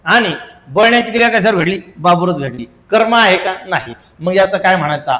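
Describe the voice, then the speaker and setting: High-voiced man chanting grammar rules. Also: lively intonation, fairly quick, sharp tone, echoey room, big-room sound. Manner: emphatic, rhythmic chanting and repetition of rules. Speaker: teacher. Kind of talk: exam-prep grammar lesson.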